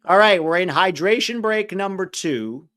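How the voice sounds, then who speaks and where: His voice sits high, animated and sharp in tone as he co-hosts a live-stream soccer watch-along. Casual and opinionated, with a mixed accent that's hard to place, he speaks bluntly and readily vents his frustration over the match.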